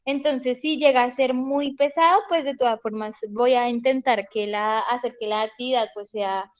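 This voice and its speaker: A woman's voice: a little high, moderate pace. A young woman teaching an online English class, patiently checking in with her students. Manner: patient, checks in with "¿listo?" often.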